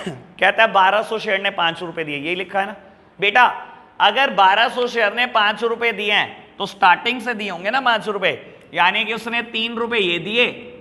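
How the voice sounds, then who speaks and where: A man with a high, very bright voice explains an accounts lesson, addressing students fondly and mixing in English terms. His voice rings with a long reverb, as if he were teaching in a large hall. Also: moderate pace. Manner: talks to students as "beta", mixes English terms into Hindi, teasing and explanatory. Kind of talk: classroom lecture.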